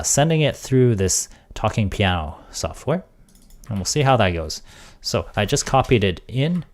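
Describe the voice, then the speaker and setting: A man streaming casually, thinking aloud as he works on audio software and trailing off into quiet mutters. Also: sits low. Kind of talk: casual tech livestream.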